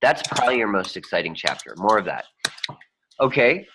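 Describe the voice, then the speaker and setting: A man with a low voice leads a casual group call over video, judging book chapter titles. His speech swings widely up and down in pitch. He sounds keen and decisive as he scores each title. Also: big pitch swings, moderate pace, noisy background. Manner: enthusiastic, scoring and pitching titles. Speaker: book coach leading a group review.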